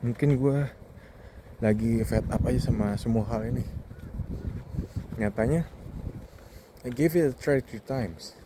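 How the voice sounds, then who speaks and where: An Indonesian-accented vlogger, a man in his twenties, strolls outside delivering a casual, introspective monologue marked by frequent pauses and occasional English phrases. His pitch is medium, and the recording carries outdoor wind and background ambience.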